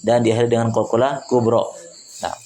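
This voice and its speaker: A man's voice: mid-range voice, little pitch movement, moderate pace, mellow, slight background noise. A man teaching Quran recitation rules, patiently repeating and drawing out syllables to demonstrate pronunciation. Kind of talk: tajwid lesson, modeling pronunciation.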